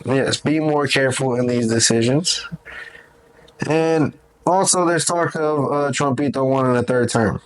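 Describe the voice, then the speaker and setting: A man's voice: medium pitch, unhurried, clear, resonant tone, poor audio. A man co-hosting a podcast, giving emphatic, opinionated takes in casual chat and swearing freely. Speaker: podcast co-host.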